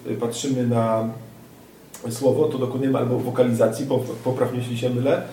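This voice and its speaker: Curious interviewer dude, mellow voice, a bit off mic in an echoey room w/ faint hiss. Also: male voice, medium pitch, flat delivery, fairly quick, distant mic. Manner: curious, asks follow-up questions and sums up. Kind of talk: interview questions.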